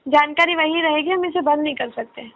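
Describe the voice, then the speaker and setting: A woman's voice: sits high, a little fast, no room sound. A woman working as a customer care agent, answering patiently on a phone call. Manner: polite, patient, scripted. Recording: tinny phone line.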